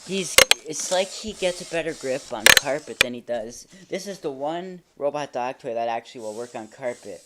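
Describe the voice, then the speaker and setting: A reviewer giving a casual hands-on demonstration in a halting, informal way, often trailing off. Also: medium pitch, expressive. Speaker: toy reviewer. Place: carpeted living room at home. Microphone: handheld camera held by the speaker. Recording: noisy home video with mechanical clicking. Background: robot toy motor whirring and clicks.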